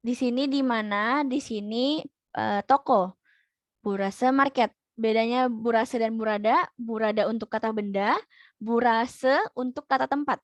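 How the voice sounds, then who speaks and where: A young woman teaching an online language class, patiently repeating each point slowly. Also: a little high, no room sound.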